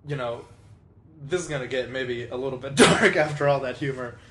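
A man's voice: medium pitch, a little fast, a bit bright. Roomy-sounding laughing man from Venezuela. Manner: laughing storyteller, many ums and you-knows. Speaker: podcast guest. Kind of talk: casual chat. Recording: roomy echo.

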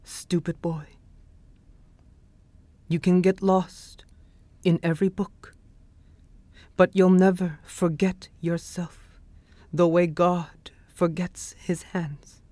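A poet speaking softly, then reading a poem aloud in a measured way with long pauses. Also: male voice, sits high, flat delivery, no room sound. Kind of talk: poetry reading.

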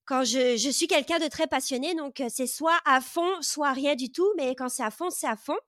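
A woman in her thirties with a high voice tells her own story with eager energy. She stumbles and restarts often. The recording is dry and close, with no room sound. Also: normal speed, a bit bright, no room sound. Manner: enthusiastic, lots of hesitations and restarts. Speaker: podcast host, guest of this episode. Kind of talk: casual personal storytelling.

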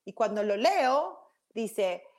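A woman's voice: fairly high pitch, very animated, slow. Woman, spiritual teacher, informal talk, rambling, mixes in English words. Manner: chatty, checks in with frequent 'ok?'; rambling with restarts.

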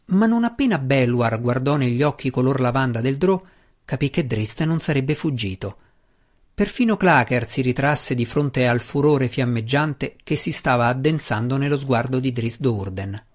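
A man narrating a fantasy audiobook in a steady, measured voice at a middle pitch. The reading is scripted and even-paced.

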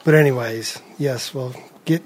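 A man's voice: mid-range voice, measured pace, darkish tone, husky. A man hosting a casual podcast interview, easygoing and jokey, telling stories in a chatty way. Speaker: podcast host.

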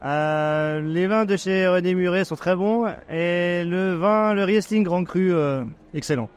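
A man's voice: sits high, a little slow, clean tone. A man, a teacher, giving brief, agreeable answers in a casual interview. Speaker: teacher, event guest.

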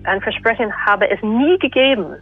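A woman's voice: mid-range voice, normal speed, breathy edge, phone-quality sound, faint music behind. A woman historian answering in an interview excerpt, explaining emphatically.

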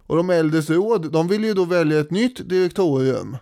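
A man co-hosting a podcast, retelling history in a casual, animated way with many fillers. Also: a little high, very noisy. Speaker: podcast co-host.

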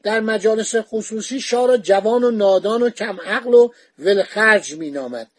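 A man's voice: high voice, no echo. A man hosting a history podcast, telling the story in a conversational, digressive way with frequent fillers.

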